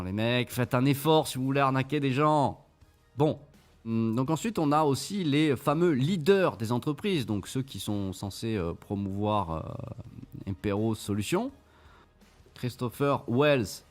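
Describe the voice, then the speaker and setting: A man talks viewers through a screen share in a loose, sarcastic way, swearing casually and mocking what he shows. His pitch sits in an ordinary middle range, and soft music runs faintly behind him. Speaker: channel host reviewing an investment scheme.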